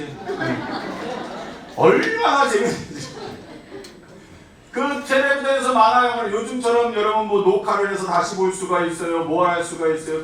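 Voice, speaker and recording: A male pastor delivering a sermon with lively storytelling, often checking in with the congregation. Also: sits high, distant mic, slight background noise. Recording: echoey church hall from afar.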